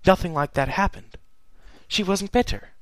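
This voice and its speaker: A man's voice: high voice, expressive, moderate pace, no room sound, pitched above the performer's own voice. A man voicing a regal, sorrowful immortal pony princess, reading her letter in a solemn, earnest way. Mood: solemn, wistful. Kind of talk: fan fiction reading.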